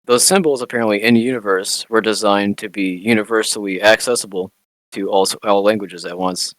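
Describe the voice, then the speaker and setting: A man with a somewhat low voice co-hosts a casual film podcast. He explains details in a relaxed way and swears now and then. The recording is dry and close. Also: brisk, dry recording, poor audio. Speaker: podcast co-host.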